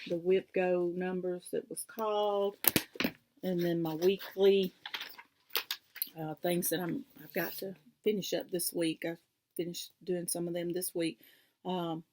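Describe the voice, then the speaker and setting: A woman's voice: on the low side, noisy background. A woman hosting a casual crafting vlog, rambling and easily sidetracked, with many fillers. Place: home craft room.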